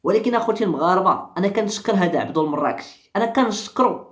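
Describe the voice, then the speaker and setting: A social commentary vlogger with a Moroccan accent launches into a fiery rant, his high, slightly bright voice expressive and rapid-fire in a reverberant space. He repeats himself and pelts his viewers with rhetorical questions.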